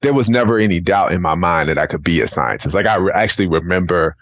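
Speaking quickly with lively intonation, a man whose voice sits low and has a fairly bright tone shares personal stories on a podcast. He founded an education non-profit and hails from the Atlanta area in Georgia, United States, and his casual, meandering talk is full of conversational tags, captured with muffled, roomy sound.

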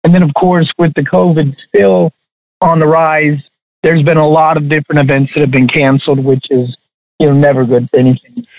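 A man's voice: a little high, flat delivery, no echo, narrow, tinny audio. A man, a guest chef, talking casually in an interview and restarting his sentences often. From Texas. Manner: halting, many restarts.

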